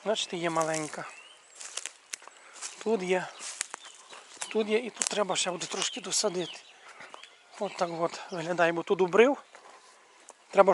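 Chatty high-voiced man touring his yard. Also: slight background noise. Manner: chatty, keeps pointing things out to viewers. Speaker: video blogger showing his village yard. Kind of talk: casual walk-and-talk video commentary. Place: outdoors in a rural yard and garden. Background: faint birdsong and outdoor sounds.

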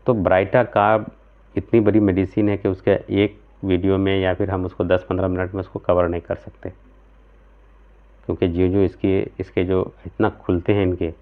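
Speaking at a moderate pace, a homeopathic practitioner in his thirties uses a low voice with little pitch movement to explain remedies to camera. He's in a small room at home, earnest and explanatory, gesturing with both hands and regularly saying "theek hai" to check in. The audio has a tinny, phone-like quality.

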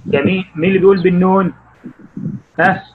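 Man, Egyptian Arabic accent, primary school teacher, online class, quizzing pupils by name, fast talker, dull online call audio. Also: high-pitched, fairly even intonation. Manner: encouraging, quizzing pupils by name, drawing words out slowly.

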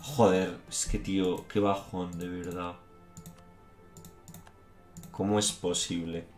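A man's voice: deep voice, flat delivery, slow, darkish tone, reverberant, soft background music. Swearing Spanish man in game commentary. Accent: Spain Spanish. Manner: frustrated, swears a lot, says "tío". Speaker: gaming YouTuber. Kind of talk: gameplay commentary.

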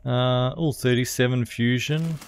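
A man's voice: medium pitch, measured pace, clean tone. A man streaming a game, giving offhand, chatty commentary in short remarks. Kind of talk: casual gameplay commentary. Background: game music.

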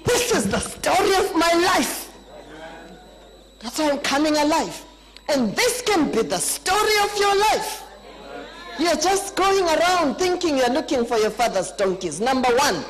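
A woman with a Zimbabwean accent preaching a conference sermon, emphatic, swinging between high peaks and low drops. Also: rough recording.

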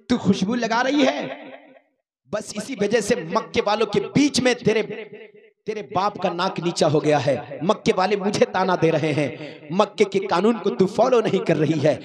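A preacher voicing a stern old chieftain. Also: male voice, sits high, close to an everyday voice. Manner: stern, questioning. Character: stern old male chieftain, angry father-in-law. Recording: live gathering with crowd noise.

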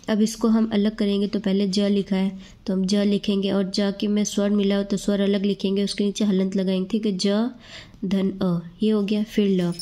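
A woman's voice: mid-range voice, dark tone. A woman teaching a grammar lesson to students. She explains step by step and keeps checking in with them.

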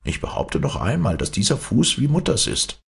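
A man's voice: mid-range voice, wildly swooping pitch, normal speed, creaky, pitched above the performer's own voice, exaggerated voice. A man reading a storybook, voicing a suspicious, stubborn young male cannibal. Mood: insistent. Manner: insistent.

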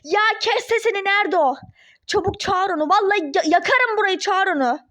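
Girl voicing a screaming ex-wife, super high voice, cursing and threatening in a toy-game drama. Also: lively intonation, a little fast, a bit bright. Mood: demanding. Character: furious young woman, the vengeful ex-wife.

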